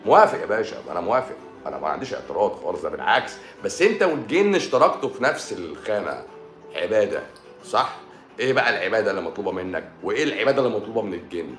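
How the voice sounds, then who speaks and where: A man's voice: on the low side, big pitch swings, rapid-fire, fairly bright tone, roomy sound, faint music behind. An Egyptian man with a sore throat, a doctor hosting a live stream, chatting casually and sarcastically while answering viewers' comments. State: sore throat and swollen eye.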